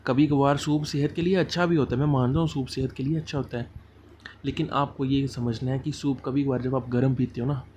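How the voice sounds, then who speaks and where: A man teaches exam idioms in a relaxed, chatty lecture, mixing Hindi and English and spelling out meanings through everyday examples. His voice sits at an ordinary middle pitch. A faint hiss of background noise runs under the recording. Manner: explains idioms with homely examples, slow at English phrases.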